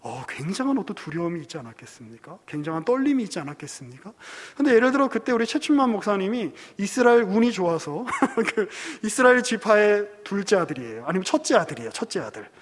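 A man with a high, light voice preaches a sermon in a hall. He tells the story conversationally, acting out quoted lines and turning to the congregation with asides. The sound rings with a long reverb. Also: big pitch swings, fast talker, hardly any pauses. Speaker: pastor.

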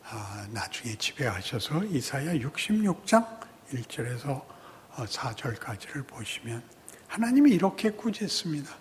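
A man preaching a sermon as pastor, swinging from hushed near-whispers to loud, impassioned outbursts in a dramatic, preacherly way. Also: mid-range voice, very animated, normal speed, slight background noise. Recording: long hall reverb.

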